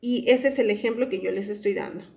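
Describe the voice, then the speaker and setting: A woman, an English teacher explaining homework step by step into a phone she holds, slowing down to spell out each English example. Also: mid-range voice, vocal fry, a little mellow. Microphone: phone held in hand.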